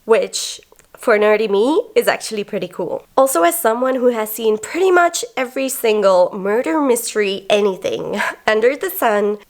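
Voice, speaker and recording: A woman's voice: a little high, expressive, normal speed. A woman narrating a travel vlog, chatty and enthusiastic as she explains and recaps her experiences. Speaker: travel vlogger.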